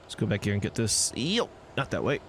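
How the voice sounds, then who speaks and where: A man provides casual let's play commentary, chatting away and tossing joking asides to the game's characters as video game music and action sounds play behind him. His lowish voice is sing-song, fairly quick and a bit bright, with slight background noise.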